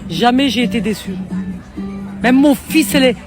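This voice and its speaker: A woman's voice: fairly high pitch, lively intonation, moderate pace, music in the background, a crowd in the background. A tired woman vlogging to her followers, venting in an agitated, repetitive way. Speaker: social media vlogger. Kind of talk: emotional vlog rant to followers.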